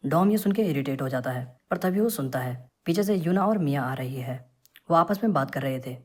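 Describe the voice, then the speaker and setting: A woman's voice: sits low, expressive, moderate pace, darkish tone. A woman narrating a comic story in a chatty, casual way, quoting the characters' lines without much change of voice. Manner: chatty, quotes characters in a mild voice.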